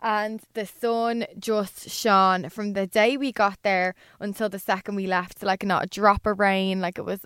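A woman's voice: mid-range voice, flat delivery, unhurried, hardly any pauses, a bit bright, clear, resonant tone, dry recording, studio quality. A woman co-hosting a podcast, telling casual anecdotes in an informal, gushing way peppered with "like". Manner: gushing, informal, frequent "like" asides. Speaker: podcast co-host.

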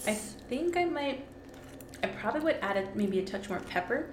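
A woman's voice: fairly high pitch, animated, moderate pace, echoey room, background noise. A woman co-hosting a podcast as a dietitian, chatting loosely with many "like" fillers while tasting food.

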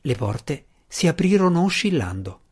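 A man reading a fantasy novel aloud as an audiobook narrator, in a steady, measured way. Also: a little high, husky.

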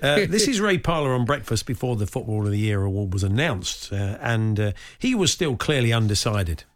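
A man's voice: medium pitch, sing-song, a little fast. A man hosting a radio show, introducing clips with wry comic asides. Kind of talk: comic radio clip round-up.

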